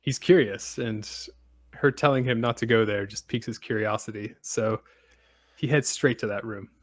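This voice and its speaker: A man hosting a podcast, recapping a story in a casual way with steady storytelling and dry asides. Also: fairly low pitch, moderate pace, no room sound. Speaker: podcast host.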